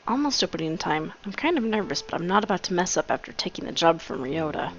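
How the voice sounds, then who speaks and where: A woman's voice: fairly low pitch, big pitch swings, fast talker, a little hiss or hum. A woman voicing a cheerful young schoolgirl heroine who narrates in a chatty, wry, playful way. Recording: dull lo-fi with game music.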